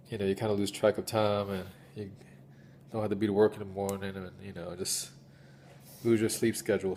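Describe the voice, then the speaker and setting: A man with a stuffy, congested nose giving a halting, low-key recovery update in a casual vlog style. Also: a little mellow, a little hiss or hum. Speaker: patient recording recovery diary.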